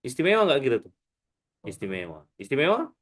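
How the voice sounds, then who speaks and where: A man's voice: medium pitch, fast talker. A man preaching a study sermon in a mosque, asking his listeners questions and having them answer back. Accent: Indonesian. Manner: animated, call-and-response questions to listeners. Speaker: preacher teaching students.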